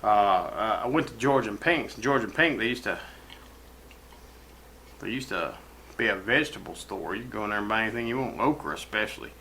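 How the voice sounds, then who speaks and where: A man's voice: fairly low pitch, expressive, brisk, pushed and bright, echoey room, slight background noise, rough recording. A man hosting a casual home cooking show, talking in a rambling, profane, folksy way from his kitchen.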